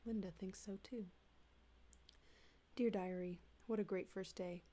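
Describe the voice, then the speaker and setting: A woman reading humorous texts aloud in a soft, hushed ASMR style, slipping in and out of whispers, close to a desktop mic at home. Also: medium pitch, steady tone, a little slow. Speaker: ASMR reader. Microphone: close desktop USB mic.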